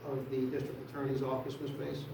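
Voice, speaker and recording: A man serving as judge speaks in a brisk, firm, procedural way. He is picked up from far off in a roomy, echoey courtroom. Steady background noise runs under him. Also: mid-range voice, vocal fry.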